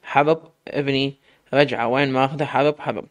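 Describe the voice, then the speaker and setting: Man reading a distraught, defiant young wife with an Iraqi accent, fast and dry, storybook narration. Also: medium pitch, steady tone, dry recording, close to an everyday voice. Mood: screaming. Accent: Iraqi Arabic. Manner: pleading and sobbing, defiant.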